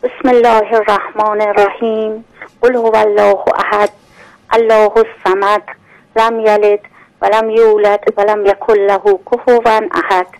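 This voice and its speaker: A woman calling in from Tehran, reciting calmly and evenly with a mid-range voice. The sound comes through a phone line into the show. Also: mid-range voice. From Tehran, Iran. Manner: polite, steady recitation. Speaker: radio caller.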